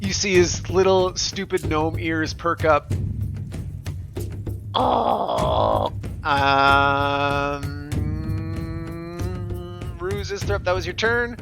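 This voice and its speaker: A man narrating as game master, his voice a little higher than most men's. He rules in a relaxed, easy way, with background music running underneath. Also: moderate pace. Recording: music playing behind.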